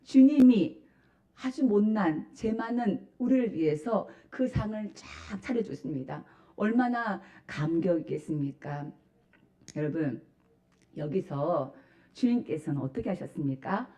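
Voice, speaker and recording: Woman pastor preaching with lively pitch swings. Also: unhurried. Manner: asks the congregation rhetorical questions; animated, emphatic preaching. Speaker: senior pastor. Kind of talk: Sunday sermon. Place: church sanctuary.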